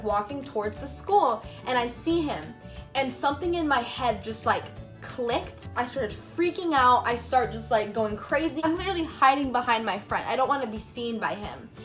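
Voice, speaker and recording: A young woman with a slightly high voice recounts a personal story straight to the camera, rambling casually and leaning on "like" at every turn. She is recording in a room at home as the daylight fades. Faint music plays under her voice. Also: fairly bright tone. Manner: chatty, filler-heavy retelling with many "like"s. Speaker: YouTuber telling a personal story.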